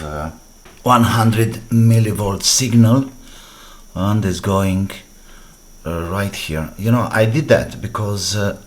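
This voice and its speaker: A DIY electronics repair presenter with a low voice speaks slowly while working through a hands-on repair demonstration. He uses short, halting phrases, thinking aloud as he goes.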